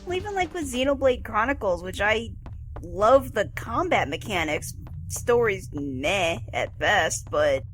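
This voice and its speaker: Lively, teasing female co-commentator. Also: mid-range voice, measured pace, faint music behind. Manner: teasing, chatty, laughs a lot. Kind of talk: casual game commentary.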